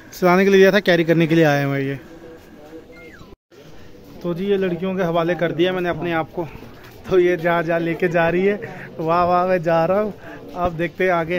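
Wandering a busy outdoor town market and monastery grounds, a travel vlogger in his twenties chats casually to the phone he holds at arm's length. He has a fairly high pitch, and the audio is full of crowd chatter and street noise.

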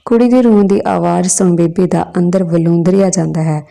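A woman narrating a village story in a steady, plain way. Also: lowish voice, normal speed, vocal fry.

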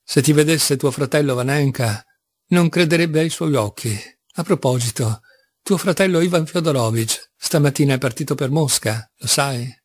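A man's voice: fairly high pitch, moderate pace, dry recording, clean studio sound, close to an everyday voice. A man reading an audiobook, voicing a mocking, ironic young male seminarian who teases with astonished sarcasm. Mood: teasing. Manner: teasing, sarcastic, by turns astonished. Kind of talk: audiobook reading of a classic novel.

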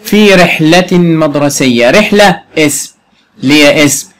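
A man with an Egyptian Arabic accent teaching a young pupil, spelling out words slowly and quizzing her as he goes. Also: fairly high pitch, a bit bright. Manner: slow, clearly spelled out words with frequent quiz questions. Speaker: primary school Arabic teacher. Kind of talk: patient classroom explanation to a young pupil.

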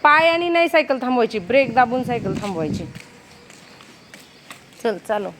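A woman's voice: fairly high pitch, big pitch swings, moderate pace. A young adult woman vlogging outdoors, giving a child firm, repeated instructions on riding a bicycle. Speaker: vlogger and mother. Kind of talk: casual family vlog, teaching a child to cycle. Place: outdoors in a housing complex near underground parking.

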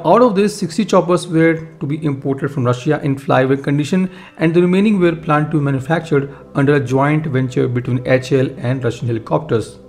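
Man reading defense news. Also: fairly high pitch. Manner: steady read-aloud delivery, lists of facts. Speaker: defense news channel host. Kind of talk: scripted news narration. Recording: faint music bed behind voice. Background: faint background music.

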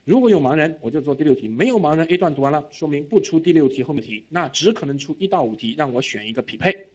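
A man teaching IELTS reading in a recorded lecture, animated, often asking whether students follow and dropping English words into his talk. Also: a little high, fast talker, slightly rough. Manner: mixes English words into speech. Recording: slightly dull lo-fi lecture audio.

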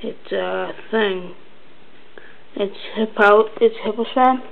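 A young person talking quietly and haltingly late at night, casually showing off a card deck in a low-key way. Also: vocal fry. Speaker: video maker. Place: indoors at a table at home. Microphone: handheld camera's built-in mic. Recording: muffled lo-fi camera mic, noisy.

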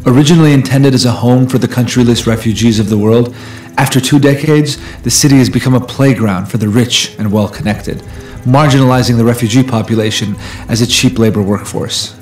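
A man in his thirties, the writer and director, narrating a measured, earnest pitch for his series. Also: a little mellow, faint music behind.

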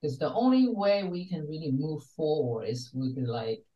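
Older lady on a video call, low voice, earnest, roomy far-off webcam sound. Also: sing-song, normal speed, dark tone, lo-fi sound. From Taiwan. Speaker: guest, wellness coach. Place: home study with bookshelves.

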